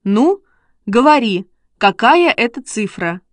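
A woman's voice: a little high, big pitch swings, takes it slowly, no room sound, clean studio sound. Woman doing an eager, bossy schoolboy. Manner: eager, coaxing, exclaiming. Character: eager excitable schoolboy, bossy dog trainer. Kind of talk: storybook reading.

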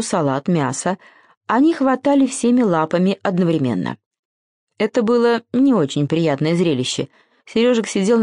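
A woman narrating a children's fairy tale in an even, clear storytelling manner. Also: on the low side, dry recording, clean studio sound.

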